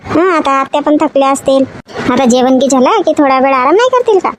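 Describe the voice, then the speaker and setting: A woman acting in a comedy sketch, complaining and nagging in rapid chatter. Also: sits high, slight background noise. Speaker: comic actor.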